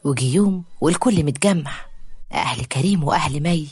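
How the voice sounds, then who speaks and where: A woman with an Egyptian Arabic accent narrating a dramatic story in a steady storytelling manner. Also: low voice, brisk, slightly rough, no room sound.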